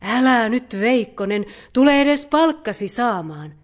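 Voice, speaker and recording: A woman voicing a motherly, choosy female bear in a storybook reading, talking loudly and with emphasis. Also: a little high, animated, pitched above the performer's own voice, lightly acted.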